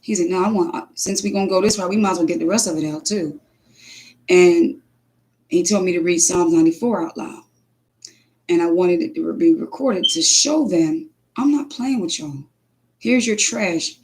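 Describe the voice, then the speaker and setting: A mother speaking casually, telling an animated spiritual testimony full of restarts and acted-out quotes. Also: on the low side, moderate pace, a little hiss or hum.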